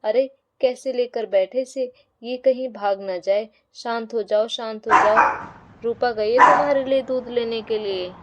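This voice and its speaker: A woman's voice: fairly high pitch, a little slow, muffled recording, heavy background noise, natural voice. A woman voicing a flustered young man, the kids' uncle, who panics and feels helpless in a doll-play bedtime story.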